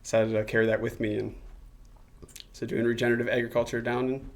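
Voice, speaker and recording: A man's voice: medium pitch, little pitch movement, fast talker. A young man in his twenties from the American Midwest, a podcast guest chatting casually and joking. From Midwestern United States. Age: 20s. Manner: joking, laughs while talking. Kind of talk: casual chat.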